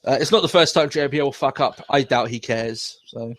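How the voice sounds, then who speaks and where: A young male podcast host reviews wrestling in casual, profane, rambling chat, laughing often. His voice is medium-pitched and a bit bright, moving fairly quickly.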